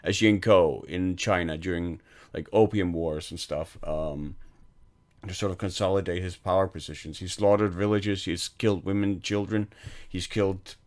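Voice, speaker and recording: Co-hosting a film podcast, this man speaks with a low, steady, slightly mellow voice at a moderate pace. His talk is casual and meandering, full of "like" and "um" fillers.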